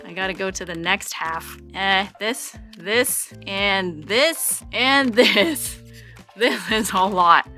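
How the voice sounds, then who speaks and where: A woman's voice: mid-range voice, takes it slowly, pushed and bright, soft background music. A woman hosting a casual pack-opening video, chatting to herself and reacting to each pull. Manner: chatty, thinks aloud, reacts to pulls with laughs and gasps. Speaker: channel host opening card packs.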